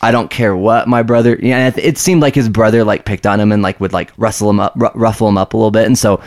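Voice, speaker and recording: A man telling a scary story casually to friends in a wooden cabin, in a halting, repetitive way and acting out quotes. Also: lowish voice, fairly even intonation, no room sound, clean studio sound. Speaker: podcast co-host. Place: small creaky wooden cabin in the woods.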